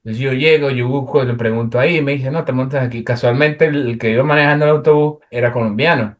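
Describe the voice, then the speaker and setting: A man's voice: medium pitch, steady tone, fast talker. A young man from Venezuela, casually and animatedly telling a travel story as a guest, with plenty of fillers.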